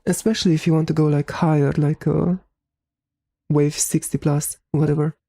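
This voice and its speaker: A young woman streaming a game, chatting casually with her viewers, her voice a little hoarse from talking, swearing freely. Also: low-pitched, little pitch movement, moderate pace, warm tone, no room sound. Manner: laid-back, swears freely, answers chat. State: slightly hoarse. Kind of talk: casual live-stream chat.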